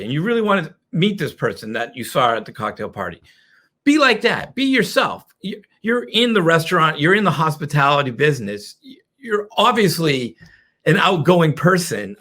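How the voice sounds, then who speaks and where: A middle-aged man teaching a sales webinar, animated and playful, slipping into quick mock caller voices as he explains. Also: fairly high pitch. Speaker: sales trainer.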